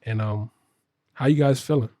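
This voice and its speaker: A man's voice: mid-range voice, normal speed, mellow. A young man hosting a casual podcast, joking around with his friends. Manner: playful, introduces the show and jokes with friends. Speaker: podcast host. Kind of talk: casual chat.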